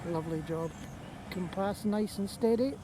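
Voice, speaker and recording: Woman commenting over loud traffic. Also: medium pitch, moderate pace. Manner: chatty, short admiring remarks with small asides. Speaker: videographer commenting on arriving trucks. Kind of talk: casual live commentary. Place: outdoors by a showground entrance road. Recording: outdoor camera audio under loud traffic noise.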